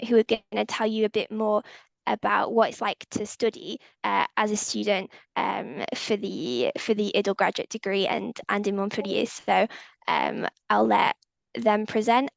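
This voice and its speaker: A woman's voice: medium pitch, little pitch movement, measured pace, creaky, no echo. A woman hosting a university webinar on a video call, speaking with many fillers and repeated words. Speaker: webinar host. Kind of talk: webinar moderation.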